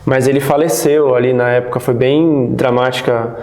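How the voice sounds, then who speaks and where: A man in his thirties, born in the United States, recalling his childhood as a guest in a relaxed, rambling interview. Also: medium pitch, normal speed. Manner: relaxed, rambling, many restarts. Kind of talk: casual interview storytelling. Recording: roomy echo.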